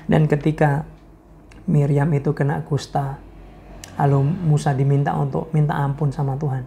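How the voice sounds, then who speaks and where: An Indonesian woman preacher gives a casual devotional talk in a deep, gravelly, warm voice, with slight background noise. She is playful, laughs often, and mixes English slang into her speech.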